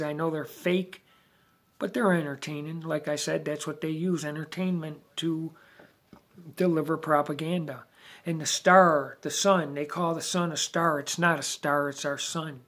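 A man delivering an emphatic, preachy monologue, slowing down to stress his points, recorded on a phone in a dim room at home. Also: high-pitched. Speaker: video monologuist.

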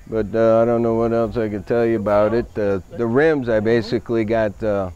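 A middle-aged man with a low, mellow voice talks in an easygoing, unhurried way, with many small fillers. He is recorded outdoors on a grassy show field. The sound is a little dull and lo-fi. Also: fairly even intonation. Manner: easygoing, many fillers, technical car talk. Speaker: van owner. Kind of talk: casual interview.

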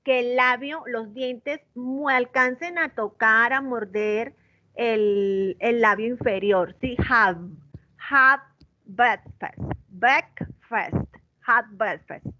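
A woman with a Colombian Spanish accent teaches English pronunciation over a video call. She speaks slowly in a bright, slightly high voice. The sound is dry and a little dull. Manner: corrects pronunciation patiently, switching between Spanish and English. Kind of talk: online class.

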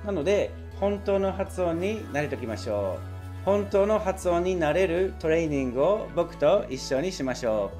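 A man teaching English pronunciation in a clear, patient way, slowly repeating phrases for practice. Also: on the high side, animated, darkish tone, faint music behind. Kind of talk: language lesson.

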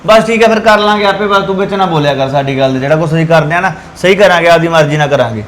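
A short-tempered husband and son, played by a man, rattling off curt, quick lines in a slightly high voice. Faint room ambience lies under him. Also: a little hiss or hum, natural voice. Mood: irritated. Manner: curt, loud-mouthed.

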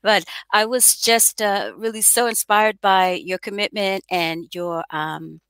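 An American woman from New York chatting over a video call, her voice bright and clear in a dry, close sound. She laughs often between phrases and sounds eager. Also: mid-range voice, fairly even intonation, measured pace, no echo. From New York, USA. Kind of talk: casual video-call chat.

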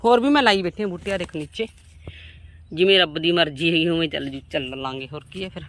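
A woman with a fast, fairly low voice chats homely to viewers in a casual farm vlog as she walks outdoors through her farm's vegetable plots.

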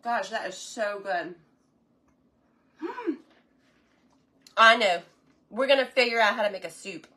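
A woman with a bright, forward voice hosts a live cooking stream. She chats casually and enthusiastically between bites, sometimes with her mouth full. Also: fairly high pitch, lively intonation, slow pace, pauses often. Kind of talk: casual live-stream chat while tasting food.

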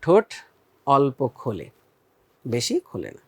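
A man teaching a recorded school lesson, patiently asking questions and then answering them, and sounding out vowels slowly for his students. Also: medium pitch, huge pitch swings, no echo. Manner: patient, addresses students as friends, asks and answers own questions.

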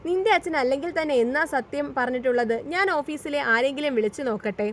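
A woman voicing Ashi, a young man who is a protective and blunt friend, in a high reading voice. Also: fast talker, slight background noise, close to an everyday voice.

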